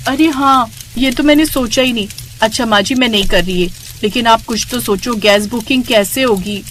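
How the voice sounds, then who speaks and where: Young daughter-in-law, naive and melodramatic, higher pleading voice, voiced by a woman. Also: normal speed, a bit bright, slight background noise, close to an everyday voice.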